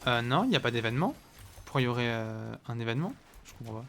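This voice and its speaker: A man streaming himself playing a video game, excitable and swinging from loud exclamations to muttering. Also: medium pitch, quick pace, a little hiss or hum. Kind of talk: live gameplay commentary.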